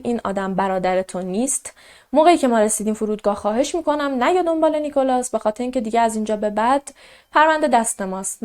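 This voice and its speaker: A woman recounts a true crime case in an easy conversational tone. Her voice sits a little high. She jumps into the people's words with a lift in pitch. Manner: animated, quotes characters in a raised voice. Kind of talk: casual true crime narration.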